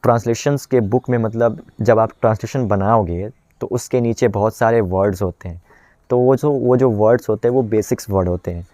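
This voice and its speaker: Low mellow man teaching casually. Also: no echo. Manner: rambling, many filler words and restarts; switches to slow careful English phrases. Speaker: English-learning video host. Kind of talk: casual spoken lesson.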